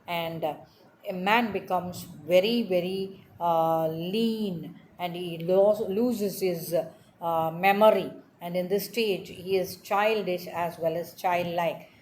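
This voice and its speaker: A woman teacher explaining the meanings of a poem's words line by line, pausing often with "uh" fillers. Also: on the low side, a little mellow, a little hiss or hum. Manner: explains word meanings slowly with many "uh" fillers. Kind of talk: classroom poem explanation.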